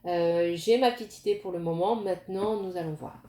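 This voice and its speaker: A woman's voice: fairly low pitch, normal speed, warm tone, reverberant. A woman giving a casual tarot reading to her viewers, talking directly to them with many fillers and restarts. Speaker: tarot reader.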